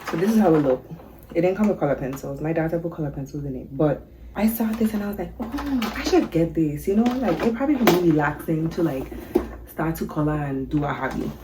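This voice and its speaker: A woman's voice: sits low, fast talker, noisy background. A young woman with a Virgin Islands accent, chatting nervously and casually to camera in her first vlog about her coloring hobby. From Saint Thomas, U.S. Virgin Islands. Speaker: coloring vlogger. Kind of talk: casual first-video introduction.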